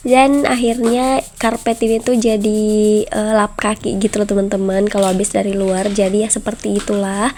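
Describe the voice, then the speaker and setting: A young woman congested from flu speaks in a nasal, stuffy voice of medium pitch, with a flat delivery, moderate pace, darkish tone, and a little hiss or hum. She's a homemaker vlogger doing a voice-over, chatting casually and conversationally with viewers as if they were friends.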